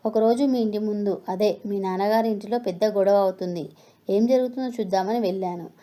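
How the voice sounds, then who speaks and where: A woman voicing an elderly retired male schoolteacher who lectures in a stern, moralizing way, in a mellow voice. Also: mid-range voice, fairly quick, close to an everyday voice. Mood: lecturing. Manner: lecturing, preachy.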